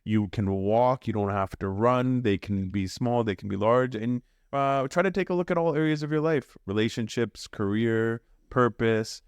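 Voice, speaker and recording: A man's voice: mid-range voice, moderate pace, hardly any pauses, clear, resonant tone, no room sound. A man co-hosting a podcast, summing up the episode in an upbeat, motivational way. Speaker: podcast co-host. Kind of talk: podcast recap.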